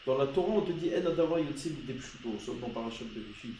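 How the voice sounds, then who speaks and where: A man's voice: mid-range voice, animated, quick pace, reverberant, a little hiss or hum, rough recording. A man teaching a Torah class to students, asking rhetorical questions and pressing his points hard. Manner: rhetorical questions, grows loud and emphatic.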